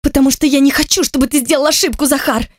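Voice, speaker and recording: A reader voicing a spoiled, scheming young woman in an audiobook, pleading and scornful by turns with a voice that climbs high. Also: fairly even intonation, fast, dry recording, close to an everyday voice. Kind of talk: audiobook character voice.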